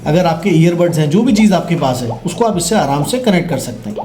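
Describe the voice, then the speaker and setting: A man with an Indian accent gives a casual, explanatory product demo, often checking in with listeners through tag questions. His voice is fairly high, with lively intonation and a fast pace. The recording has a roomy echo and faint music in the background.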